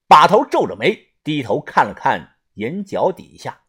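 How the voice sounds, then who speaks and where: A man reads a first-person adventure tale aloud, his voice husky and breathy at the edges. His pitch swings widely, rising and dropping with the telling. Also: measured pace. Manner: animated storytelling. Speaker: storyteller. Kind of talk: first-person audiobook narration.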